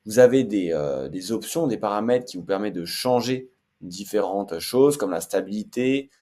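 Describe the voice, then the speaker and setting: Low-voiced chatty man demoing software. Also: expressive, normal speed. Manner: chatty, many filler hesitations. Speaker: tech tutorial host. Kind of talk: casual screen-share tutorial.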